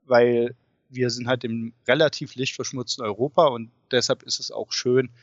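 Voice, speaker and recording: A man's voice: mid-range voice, steady tone, moderate pace. Echoey, muffled man chatting enthusiastically. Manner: enthusiastic, informal. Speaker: interview guest, astrophotographer. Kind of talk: casual chat. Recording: dull, muffled sound with room echo.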